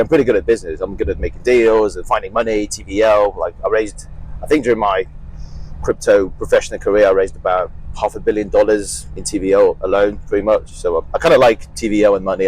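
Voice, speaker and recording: A young man from Eastern Europe chats as a podcast guest. His voice sits fairly low. He talks bluntly, swears freely and mocks himself. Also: fast, low-quality recording. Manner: blunt, profane, self-mocking. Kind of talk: casual interview chat.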